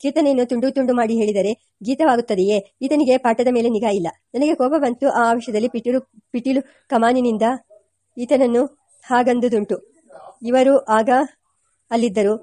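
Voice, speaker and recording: Woman reading as a humble old violin teacher guy, polite, patient, mellow and a bit high. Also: normal speed, no room sound, close to an everyday voice. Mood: humble, explaining. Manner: polite, patient, earnestly explaining. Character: humble older village violin teacher, man.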